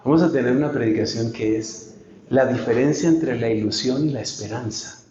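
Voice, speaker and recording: A man preaching a sermon, animated, humorous and emphatic. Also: mid-range voice, moderate pace, slight background noise. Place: hall with a live audience. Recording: echoey hall, dull sound, live audience.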